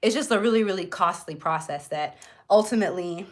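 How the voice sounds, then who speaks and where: A Jamaican-born woman who grew up in Florida, US, hosts a live beauty tutorial in a relaxed, talkative style, speaking to her viewers directly. She talks briskly in a lowish voice.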